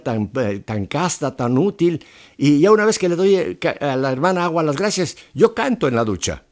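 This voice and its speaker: A middle-aged male radio host from Mexico, talking in a relaxed and confiding way. His voice sits at an ordinary pitch, and he fills his chat with small pauses and fillers.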